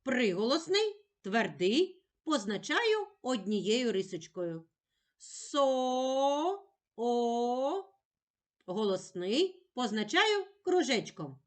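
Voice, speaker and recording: Woman, patient children's teacher; slow, lively higher voice. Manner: sounds words out slowly, in a patient, singsong way. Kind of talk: slow lesson for young children.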